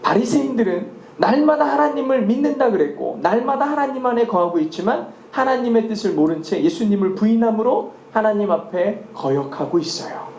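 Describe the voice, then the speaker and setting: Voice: mid-range voice, expressive, fairly quick, hardly any pauses, a little mellow. Pastor preaching in an echoey church hall, keeps firing questions at the crowd. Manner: keeps asking rhetorical questions of the listeners. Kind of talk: sermon.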